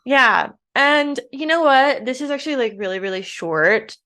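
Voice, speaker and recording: A woman co-hosting a casual podcast, chatting and reading a scripture passage aloud in an even storytelling tone. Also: high voice, normal speed. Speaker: podcast co-host.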